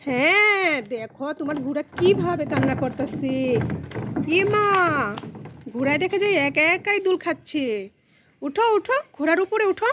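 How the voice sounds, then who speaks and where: A woman's voice: high voice, lively intonation, unhurried, noisy background. A woman filming and narrating a casual family vlog, coaxing her small daughter while talking to viewers.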